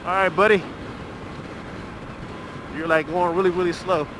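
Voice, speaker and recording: With a high-pitched voice, a middle-aged motovlogger keeps up relaxed, chatty commentary while riding a motorcycle through the countryside, often lingering on drawn-out fillers. Wind and engine sound bleed into his helmet mic, backed by road noise.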